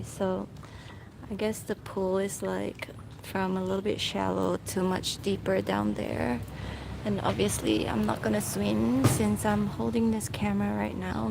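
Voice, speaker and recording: A woman's voice: mid-range voice, creaky. A woman chatting casually to viewers as a vlogger, thinking aloud, recorded on a handheld phone by a swimming pool. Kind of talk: casual live chat to viewers. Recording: noisy poolside ambience on phone mic.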